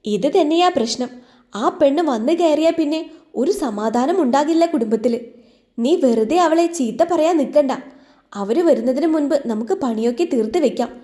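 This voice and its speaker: A woman's voice: high voice, lively intonation, moderate pace, warm tone, voice pushed up. A woman doing a bitter stern mother. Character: resentful stern middle-aged mother.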